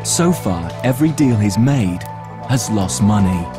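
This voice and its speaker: A man giving measured, matter-of-fact scripted documentary narration. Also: on the low side, expressive. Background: music.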